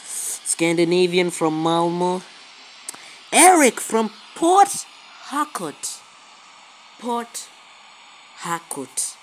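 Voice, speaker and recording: A woman gives casual gameplay commentary as a video creator in an animated, medium-pitched voice, yet speaks extremely slowly with long pauses, often repeating words and phrases. She's recorded by a handheld phone filming a screen, an amateur recording with faint background noise.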